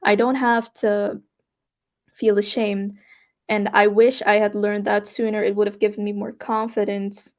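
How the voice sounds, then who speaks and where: A young woman hosting a podcast, sharing her experiences in an open, reflective way. She sometimes restarts her sentences as she works through her thoughts, and her voice sits at a middle pitch. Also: little pitch movement, unhurried, a little mellow. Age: young adult. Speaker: podcast host. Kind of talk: candid personal conversation.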